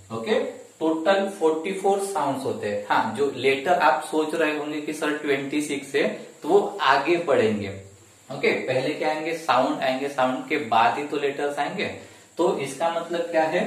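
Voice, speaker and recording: A male teacher giving an exam-prep grammar lesson, repeating each point and asking and answering his own questions, often saying "okay". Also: fairly high pitch. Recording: very echoey room, mic far off.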